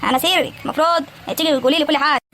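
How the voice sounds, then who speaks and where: A woman's voice: high-pitched, steady tone, racing, a bit bright, a little hiss or hum. A woman with an Egyptian accent voicing a bossy, caring young wife and older sister in a cartoon comedy, prying and giving advice. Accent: Egyptian Arabic. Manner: teasing, prying, advising. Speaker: voice actor in animated comedy. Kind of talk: animated cartoon acting.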